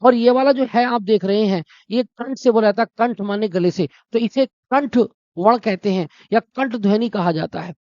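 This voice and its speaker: A man's voice: high voice, normal speed, a little mellow, no room sound. A man teaching a Hindi exam-prep lesson, explaining step by step, asking his own questions and answering them, and calling his students brother and friends. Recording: dry, dull lo-fi sound.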